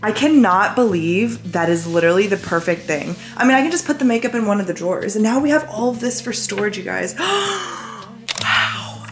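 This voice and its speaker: A woman's voice: mid-range voice, lively intonation, brisk, hardly any pauses, roomy sound, music in the background. A young adult woman talking casually to camera as a lifestyle vlogger, chatty and gushing with lots of fillers. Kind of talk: casual vlog talk to camera. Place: apartment rooms.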